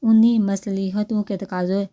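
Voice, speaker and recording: A woman's voice: medium pitch, fairly even intonation, warm tone, natural voice. A woman reading the lines of a spirited young bride who bosses her relatives around. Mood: annoyed. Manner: bossy, demanding.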